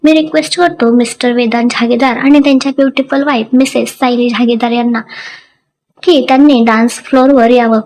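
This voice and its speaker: Male party announcer, as a woman voices him, slow, formal, showy, storybook reading. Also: fairly high pitch, fairly even intonation, darkish tone, slight background noise, close to an everyday voice, rough recording.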